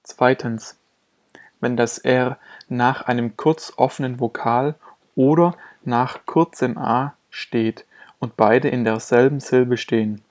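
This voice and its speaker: A man's voice: medium pitch, fairly even intonation, takes it slowly, darkish tone. A man reading a scripted German pronunciation lesson, carefully articulating example words one by one. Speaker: pronunciation teacher.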